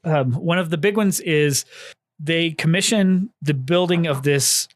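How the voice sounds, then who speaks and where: A man with a slightly higher voice walks his co-hosts through history in a loose, rambling way. He leans on fillers and swears without a second thought. The sound is close and dry. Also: unhurried, no room sound. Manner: loose and chatty, lots of fillers, swears freely. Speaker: podcast co-host presenting history. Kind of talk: casual history podcast narration.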